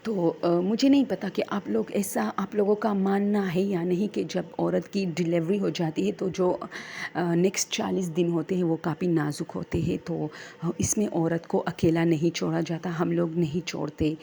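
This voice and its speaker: A woman casually telling true horror stories, hesitant with many fillers and pauses. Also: fairly low pitch, steady tone, creaky, dark tone. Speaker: storyteller. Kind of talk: casual spoken storytelling.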